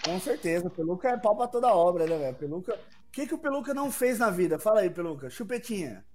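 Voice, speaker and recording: A co-host trading fast jokes in casual banter on a comedy talk show. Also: mid-range voice, big pitch swings, darkish tone, a little hiss or hum.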